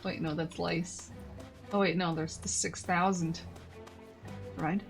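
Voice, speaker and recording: A woman's voice: on the low side, steady tone, takes it slowly, creaky, soft background music. A woman streamer chatting casually while playing a game, giggly and goofy. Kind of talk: casual chat while gaming.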